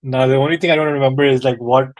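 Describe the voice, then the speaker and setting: A man's voice: medium pitch, fairly even intonation, racing. A man taking part in a cricket quiz in casual chat, thinking aloud with hesitant restarts. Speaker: quiz contestant and co-host.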